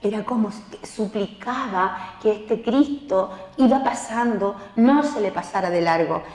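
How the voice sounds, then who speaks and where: A woman preaching at a spiritual seminar. She talks straight to the listener and acts out the people she quotes. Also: measured pace. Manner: expressive, acts out quoted voices with rising pitch; addresses listener directly as tú. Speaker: lay preacher teaching a seminar. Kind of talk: spoken sermon teaching. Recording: roomy hall with long reverb.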